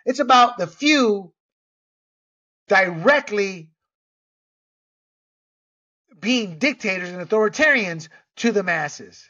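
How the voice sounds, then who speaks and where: A man's voice: high-pitched, animated, measured pace, pushed and bright. A man from Panama hosting a casual monologue, blunt and ranting, with frequent filler words and the odd swear. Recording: dull lo-fi audio, distant from mic.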